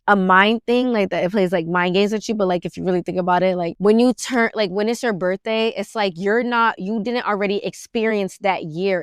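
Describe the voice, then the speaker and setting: A woman's voice: mid-range voice, smooth, no room sound, studio quality. A woman in her twenties hosting a casual podcast chat, rambling and filling her talk with "like". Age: 20s. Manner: rambling, heavy use of "like". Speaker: podcast host.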